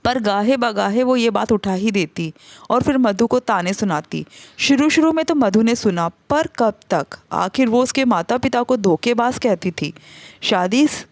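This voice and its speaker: A woman narrating a scripted family story in a steady, measured way. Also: a little high, no room sound.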